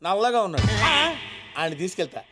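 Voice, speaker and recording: A man's voice: high-pitched, lively intonation, a little fast. An actor playing a sly, joking young man who talks in a glib, playful way. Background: film score music.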